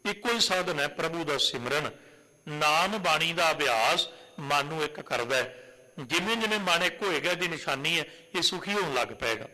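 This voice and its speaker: A male preacher with a fairly high, very bright and forceful voice. He asks questions of the congregation, then draws out sacred verses in a slow chant. His voice rings with the long reverb of a big hall. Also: lively intonation. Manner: poses rhetorical questions, then recites verses slowly and drawn out. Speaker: Sikh preacher. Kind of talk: sermon with recited scripture.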